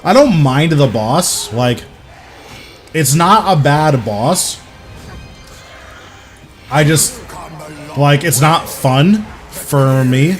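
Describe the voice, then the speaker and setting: A man's voice: fairly high pitch, expressive, drawn-out words, long pauses, soft background music. A young man giving casual, rambling live commentary while streaming a video game. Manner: rambling, thinking aloud, informal.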